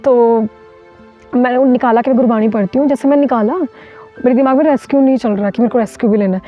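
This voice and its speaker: A fast-talking woman with a slightly high voice, an Indian mountaineer, tells an interviewer about an ordeal in vivid, urgent bursts with many restarts. The recording has a dull, lo-fi quality and faint music.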